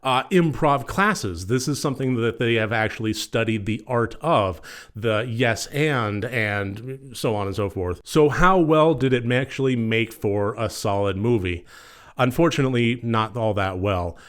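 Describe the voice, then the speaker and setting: A man giving a casual, conversational film review in long, rambling, measured sentences. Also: mid-range voice.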